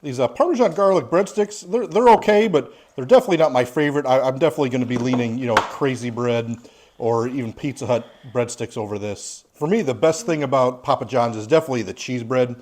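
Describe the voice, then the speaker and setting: A man's voice: medium pitch, quick pace, darkish tone. A man in his forties giving a casual, plain-spoken food review with his child. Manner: easygoing, plain-spoken, opinionated.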